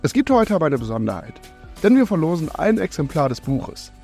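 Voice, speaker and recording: A man's voice: fairly high pitch, sing-song, brisk, a little mellow, faint music behind. A man hosting a podcast, reading the intro and asking questions in a friendly, upbeat way. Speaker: podcast host.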